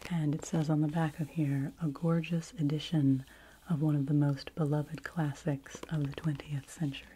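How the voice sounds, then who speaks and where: A woman in her 40s, an ASMR creator reviewing library books, speaks in a soft, low-pitched half-whisper like in a library, often slipping into an unvoiced whisper. She's hushed, gentle and unhurried, in a small home room with a bookshelf. She uses a fur-covered microphone close in front of her, and the close-mic recording is hissy and of poor audio quality.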